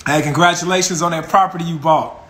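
This man in his 40s speaks fast in a steady, fairly bright voice on the high side as he hosts a relaxed live stream, greeting viewers with laughter and good cheer. He films on a close-up phone camera indoors in a small room with colored lights, and the sound is roomy.

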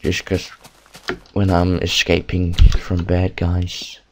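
Slow-talking young man narrating gameplay. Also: deep voice, monotone, a little mellow, slight background noise. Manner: chatty, rambling, swears now and then. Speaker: gamer. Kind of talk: casual let's-play commentary.

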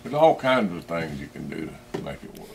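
A man's voice: rumbling low, very animated, a little fast, creaky, slight background noise. A man in his seventies, a grandfather, talking casually and plainly to a home camera. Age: 70s.

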